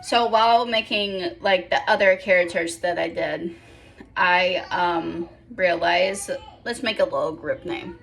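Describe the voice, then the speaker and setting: Young woman, casual home vlog, slow talk, gravelly fry, rambling self-corrections. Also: lowish voice, fairly bright tone. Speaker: vlogger.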